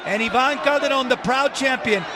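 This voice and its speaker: A man's voice: very high-pitched, moderate pace. A man calling a boxing match live, with emphatic, dramatic phrasing. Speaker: play-by-play boxing commentator. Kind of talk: live sports commentary. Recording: loud crowd and arena noise behind.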